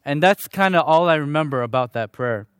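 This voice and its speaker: A man's voice: fairly high pitch, expressive, brisk, clean tone, dry recording, studio quality. A young man from Chicago giving his personal testimony to a church gathering in an earnest, conversational, self-deprecating way. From Chicago, Illinois, USA.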